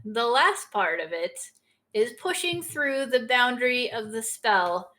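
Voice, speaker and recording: A woman runs a tabletop game as game master, speaking slowly and deliberately. Her voice sits a little high. She narrates in a playful, encouraging way. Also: expressive, bright, forceful tone.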